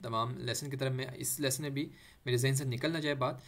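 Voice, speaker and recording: A man teaches the Arabic letters for Quran reading at an unhurried pace. He repeats each letter patiently and stretches out recited phrases. His voice sits in an ordinary middle pitch and drops English words into his teaching. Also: fairly even intonation. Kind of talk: letter-by-letter tajweed lesson.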